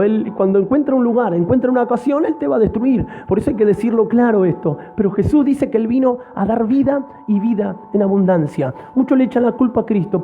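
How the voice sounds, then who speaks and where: High-voiced preacher on a tinny line. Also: male voice. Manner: fervent, repetitive direct address to listeners. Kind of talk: sermon. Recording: tinny phone-like sound.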